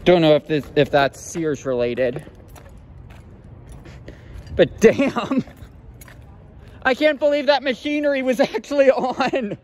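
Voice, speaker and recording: Recorded on a handheld phone camera, an urban explorer vlogger wanders an empty mall's grounds and loading docks, muttering amazed asides in casual walking commentary. His very high voice is expressive yet darkish in tone, and he takes it slowly with long pauses against slight background noise.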